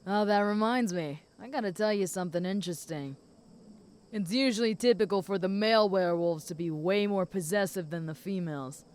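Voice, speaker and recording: A woman voicing a flirty, possessive and protective female werewolf in an intimate audio role-play, speaking teasingly to the listener in a smooth voice. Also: medium pitch, a little fast, natural voice. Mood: calm, teasing. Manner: flirty, teasing, with soft chuckles.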